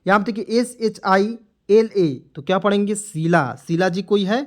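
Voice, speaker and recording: A man's voice: high-pitched, normal speed. A male teacher giving an online reading lesson, drilling each word with repeated questions and answers.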